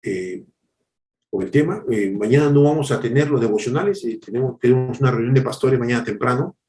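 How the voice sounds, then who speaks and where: A middle-aged man preaching a devotional sermon as a pastor, telling stories with animated swings from loud exclamations to hushed asides. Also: medium pitch, fairly quick, roomy sound.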